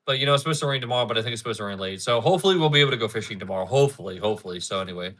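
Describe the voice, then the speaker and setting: On the low side and rapid-fire, with lively intonation and a fairly bright tone, a livestreamer in his thirties chats casually. He rambles on, repeats things, and answers messages from his chat.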